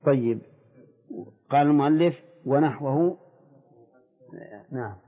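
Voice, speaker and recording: An older man gives a jurisprudence lesson and questions his students as he goes. His voice is husky. The recording is a tinny old tape with a long echo from the hall. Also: medium pitch. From Saudi Arabia. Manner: questions the students, explains slowly. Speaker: sheikh teaching jurisprudence. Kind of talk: classroom lecture on fiqh.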